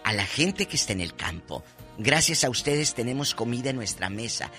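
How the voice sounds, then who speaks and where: A man's voice: medium pitch, very animated, normal speed, bright, forceful tone. A man with a Mexican accent co-hosting a radio show, chatting in a playful, teasing, colloquial way. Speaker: radio co-host. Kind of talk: casual radio chat. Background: faint music.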